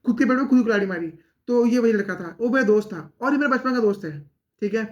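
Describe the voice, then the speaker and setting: A young man speaking very fast in a casual, rambling monologue, poking fun at himself while giving motivation to fellow exam aspirants. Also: very high voice, lively intonation, muffled recording. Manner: very fast, rambling, self-mocking talk.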